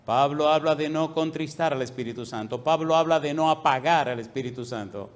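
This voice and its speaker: A middle-aged male pastor preaches a sermon at a fairly quick pace, pressing his congregation with question after question. At the ends of phrases his voice drops soft and low.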